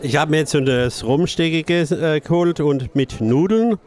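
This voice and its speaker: A middle-aged man in his fifties, a local photographer, answering interview questions plainly at a restaurant party, a bit halting. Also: on the high side, a little mellow. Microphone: handheld microphone.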